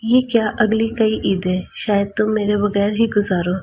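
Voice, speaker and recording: A woman narrator voicing a young male soldier far from home, speaking gravely and haltingly. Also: sits high, flat delivery, a little mellow, a little hiss or hum, close to an everyday voice. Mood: grave, sorrowful.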